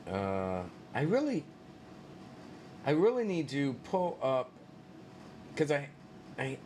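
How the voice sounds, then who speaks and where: A man's voice: a little high, huge pitch swings, slow pace, a little mellow, slight background noise. A man hosting a live-stream commentary show, rambling and swearing with many fillers and incredulous outbursts. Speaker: political commentary show host.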